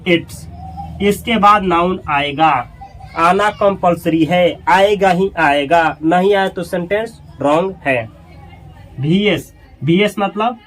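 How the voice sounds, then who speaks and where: A man teaching English grammar, drilling words over and over and putting questions to his students. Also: low-quality recording. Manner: drops low and soft when marking mistakes. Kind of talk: spoken grammar lesson.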